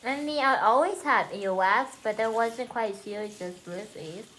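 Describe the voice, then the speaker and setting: A teenage girl taking part in a casual family podcast, speaking softly and hesitantly. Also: fairly high pitch, normal speed, slight background noise, rough recording. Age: teens. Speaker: family member.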